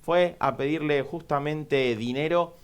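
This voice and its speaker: A man hosting a news program, giving measured, reflective commentary with occasional restarts. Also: a little high, clean tone. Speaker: program host.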